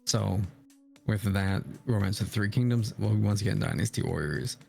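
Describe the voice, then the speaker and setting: Man, raspy deep voice, gravelly, casual interview answers, music behind. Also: moderate pace, darkish tone. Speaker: podcast guest, VTuber streamer. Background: background music.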